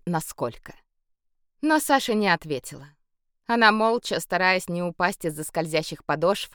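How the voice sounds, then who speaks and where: A woman reading a children's story aloud with playful, expressive narration. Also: medium pitch, clean tone, no echo, studio quality. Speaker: audiobook reader.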